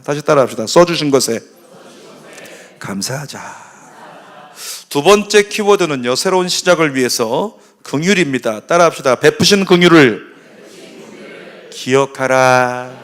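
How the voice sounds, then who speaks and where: A male pastor preaching a sermon at a church service, leading the congregation in call-and-response repetition. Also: fairly high pitch.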